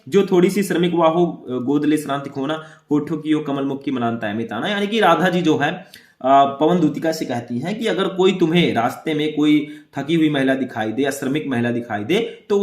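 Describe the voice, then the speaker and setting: A young man teaching an exam-prep lesson, explaining questions step by step and reading passages slowly aloud. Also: fairly high pitch. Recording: echoey room.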